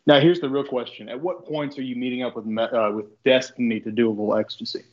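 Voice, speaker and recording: A man's voice: medium pitch, steady tone, fast, highs cut off. A man on a group call, talking bluntly and swearing freely. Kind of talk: casual chat.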